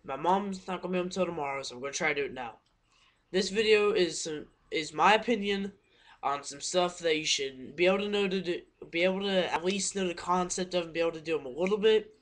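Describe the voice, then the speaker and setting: Teen guy rambling on his webcam, kinda high voice, keeps correcting himself, bit out of breath. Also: brisk, fairly bright tone. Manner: rambling, self-correcting, apologetic. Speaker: paintball vlogger. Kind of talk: casual webcam tips talk.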